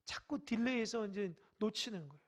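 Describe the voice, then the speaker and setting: Animated and fairly quick, a pastor with a mid-range voice delivers a midweek sermon in a church sanctuary. He presses the congregation with direct questions and alternates between forceful exhortation and hushed remarks.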